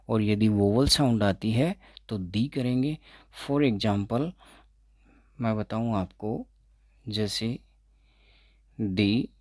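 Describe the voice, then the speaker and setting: A man teaching English pronunciation as an exam-prep tutor, explaining slowly, repeating words and correcting himself as he goes. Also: lowish voice, fairly bright tone, no room sound, clean studio sound. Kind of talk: explaining phonetics in Hindi.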